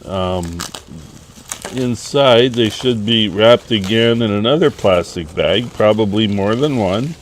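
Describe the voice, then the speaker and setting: A man's voice: lowish voice, takes it slowly, a little hiss or hum. A man co-hosting a cigar review, chatting casually outdoors and explaining with lots of fillers. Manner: relaxed, explains with many fillers. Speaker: co-host of a cigar review channel. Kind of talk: casual chat.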